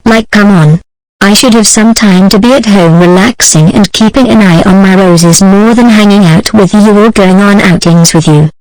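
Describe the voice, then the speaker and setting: A woman's voice: medium pitch, normal speed, a little mellow, no room sound, lightly acted, rough recording. A woman voicing a female plant-eating dinosaur from a children's show, in stiff, evenly worded cartoon dialogue. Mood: scolding.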